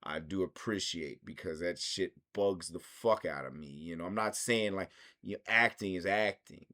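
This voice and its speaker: An American film reviewer with a low, sharp-toned voice delivers a rambling, casual monologue at a moderate pace. He swears constantly throughout.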